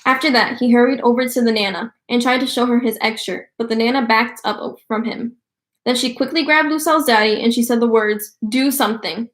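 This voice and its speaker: A woman reading a children's book aloud for a book club, telling the story in a lively way. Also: fairly high pitch, a little fast. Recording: roomy echo.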